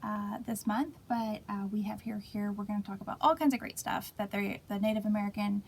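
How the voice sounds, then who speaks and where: Gravelly-voiced woman radio co-host. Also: medium pitch, steady tone, brisk, darkish tone. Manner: giggly, rambling with fillers and restarts. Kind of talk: casual radio show chat. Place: radio studio.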